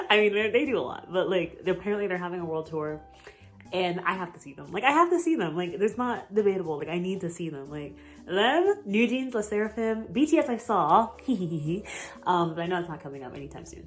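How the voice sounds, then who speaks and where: A young American woman chatting casually in a vlog, rambling and gushing with lots of fillers and giggles. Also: on the low side. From United States. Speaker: vlogger. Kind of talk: casual chat.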